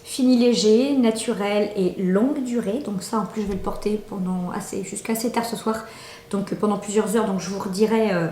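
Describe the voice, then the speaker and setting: A woman's voice: mid-range voice, brisk, mellow, echoey room, a little hiss or hum. A woman reviewing makeup in a casual vlog, chatty and enthusiastic, talking straight to her viewers. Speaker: beauty vlogger.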